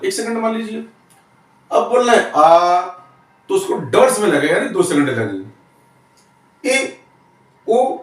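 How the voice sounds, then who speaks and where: A man's voice: sits high, very echoey, distant mic. A man teaching Hindi grammar in a classroom style, explaining step by step and often asking the students questions.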